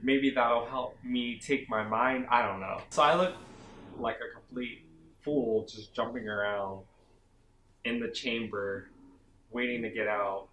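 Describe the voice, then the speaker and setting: A young man recounting his experience in casual vlog style, animated and self-dramatizing, his talk full of "like" fillers. His voice sits at an average pitch for a man. The sound bounces around an echoey room with a faint hum underneath. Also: measured pace. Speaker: vlogger recounting basic training.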